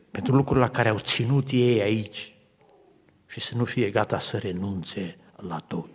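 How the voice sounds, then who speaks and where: A man from Romania preaching a sermon to his congregation, telling stories and quoting others. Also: medium pitch. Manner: storytelling with acted quotes, building to fervent appeals. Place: large church hall. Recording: reverberant church hall.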